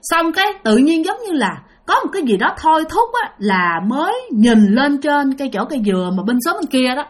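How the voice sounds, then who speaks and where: Chatty woman storyteller, high and animated, talks straight to her listeners. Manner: chatty, addresses listeners directly. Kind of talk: spoken ghost story.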